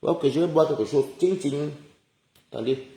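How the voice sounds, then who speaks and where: A man's voice: on the high side, moderate pace, mellow, a little hiss or hum. A man ranting indignantly on a casual live stream, firing off rhetorical questions and chuckling often. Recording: roomy echoey recording.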